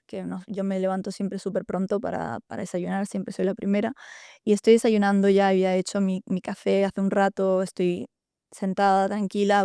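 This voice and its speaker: Young woman, halting, confiding, dry close sound. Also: medium pitch, warm tone, smooth, no room sound. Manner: halting and confiding, many restarts and "¿sabes?". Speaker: podcast host. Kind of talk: personal storytelling in a podcast conversation.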